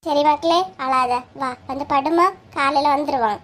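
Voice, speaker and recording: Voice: high-pitched, fairly even intonation, moderate pace, a bit bright. A performer voicing a fussy, comforting mother-in-law in a cartoon, with a Kanyakumari Tamil accent and a coaxing manner. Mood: soothing. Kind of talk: cartoon voice acting.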